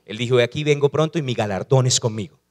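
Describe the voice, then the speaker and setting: Man preaching a lively sermon. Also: mid-range voice, quick pace. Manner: preaching with rhetorical questions, asking the congregation to repeat lines. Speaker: pastor.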